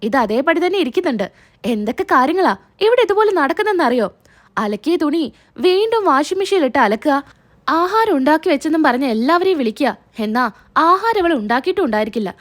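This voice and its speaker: Scheming mother-in-law who keeps scolding, read by a woman, high and lively. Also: brisk. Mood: accusing. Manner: accusing, scolding.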